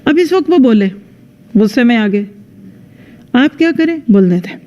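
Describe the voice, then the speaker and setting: A woman's voice: on the high side, lively intonation, warm tone. A woman religious teacher giving a conversational lecture into a microphone, speaking straight to her listeners and acting out sample dialogues. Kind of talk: religious lecture to a women's audience. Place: lecture venue with a live audience. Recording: dull lo-fi sound with long hall reverb.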